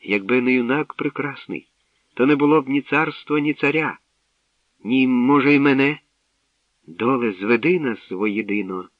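A man's voice: mid-range voice, animated, normal speed, dry recording, natural voice. A man reading aloud, voicing an eager, breathless young girl who is a princess, in a storybook tale. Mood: rapt. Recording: tinny lo-fi radio recording, distant.

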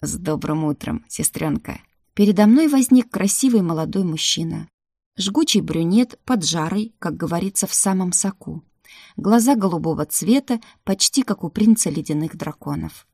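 A woman narrating a fantasy novel in the first person as an expressive audiobook reader. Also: on the low side, normal speed, husky, no echo, clean studio sound. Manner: expressive reading.

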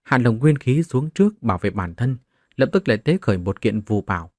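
A man's voice: mid-range voice, big pitch swings, fairly quick, darkish tone, no echo, clean studio sound. A man narrating a martial-arts novel as a scripted audiobook, voicing the characters in his own voice.

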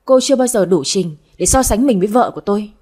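A woman's voice: medium pitch, animated, quick pace, warm tone, husky. A woman voicing a cold, curt young master.

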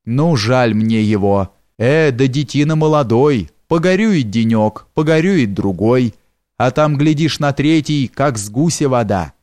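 A man's voice: medium pitch, lively intonation, a little slow, a little mellow, no echo, studio quality, close to an everyday voice. A man voicing a sly, wheedling old abductor. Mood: coaxing. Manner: wheedling, coaxing with endearments.

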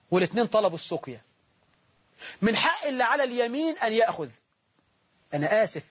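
Husky high-voiced Egyptian preacher. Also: male voice, highs cut off. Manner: impassioned storytelling, shifts between loud and soft. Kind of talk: sermon.

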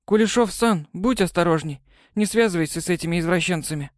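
A man's voice: high voice, fairly quick, no echo, clean studio sound, pitched above the performer's own voice, natural voice. A man reading an audiobook, voicing a cheeky, proud young rich girl in a raised voice. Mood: warning. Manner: cheeky, bossy.

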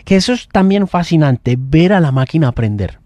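A man's voice: fairly high pitch, animated, moderate pace, dark tone, dry recording. A man hosting a morning radio show, musing aloud in long thoughtful runs with restarts. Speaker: radio host. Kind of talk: casual morning radio chat. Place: radio studio.

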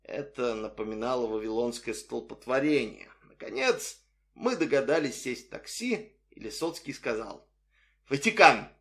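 A man reading a novel aloud in expressive storytelling narration. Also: medium pitch, moderate pace. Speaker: audiobook narrator. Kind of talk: scripted narration.

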